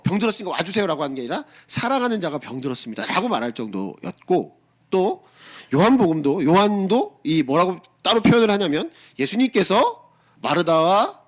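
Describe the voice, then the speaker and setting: A middle-aged man, the senior pastor, giving a conversational sermon to his congregation, asking them rhetorical questions and acting out his own blunt replies in quick asides. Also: fairly high pitch.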